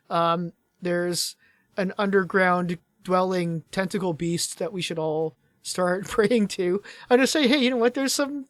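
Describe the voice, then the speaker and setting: Worn down from hours of conversation, a high-voiced man's voice is starting to fade as he co-hosts a laid-back gaming podcast, rambling and chuckling. The sound is dry and of studio quality.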